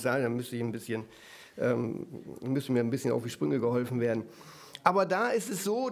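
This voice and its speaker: Lebhafter Prediger mit hoher Stimme. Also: male voice, fairly high pitch. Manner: lively, conversational, with frequent asides to the audience. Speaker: preacher. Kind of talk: sermon.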